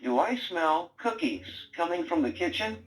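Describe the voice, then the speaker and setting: Sarcastic male robot-brain toy, played by a man: wisecracking, bossy, with big pitch swings. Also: animated, normal speed, lightly acted, rough recording. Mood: teasing. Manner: sarcastic, teasing, bossy quiz-style prompts. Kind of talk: toy voice lines.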